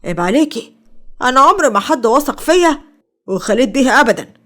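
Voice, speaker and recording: A woman's voice: high voice, big pitch swings, a little fast, a bit bright. A woman with an Egyptian Arabic accent voicing a scheming, controlling young man. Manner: controlling, sly.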